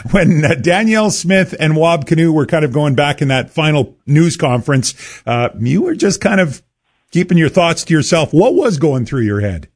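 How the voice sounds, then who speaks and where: A man with a Canadian accent interviewing as a radio host in a warm, conversational way. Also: on the high side, lively intonation, normal speed, husky.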